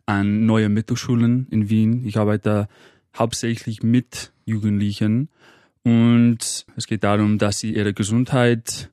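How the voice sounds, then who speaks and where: A man in his thirties from England, with English as his first language, speaking German as a studio guest in an energetic, halting way, stopping to search for words. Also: on the low side, no echo. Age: 30s. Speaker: guest, motivational trainer. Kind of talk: interview answers. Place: radio studio.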